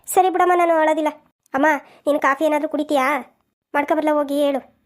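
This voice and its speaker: A meek young wife, voiced by a woman in a cartoon, always apologizing and pleading. Her voice is very high and her talk runs fast. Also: fairly even intonation, natural voice. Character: meek, tearful young daughter-in-law. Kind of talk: cartoon voice acting.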